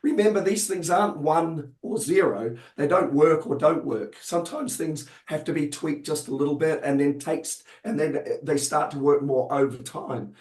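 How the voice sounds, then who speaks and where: A man's voice: fairly high pitch, normal speed, few pauses, darkish tone, reverberant. A man presenting in a webinar, explaining a support program with many fillers and restarts, losing his voice. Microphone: online video call.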